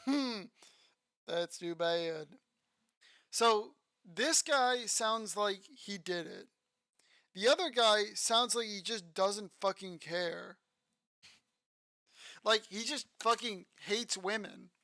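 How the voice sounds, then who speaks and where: A woman's voice: mid-range voice, slow pace, fairly bright tone, no room sound, studio quality. A woman streamer giving casual, sardonic, profane commentary while playing a game, often muttering to herself.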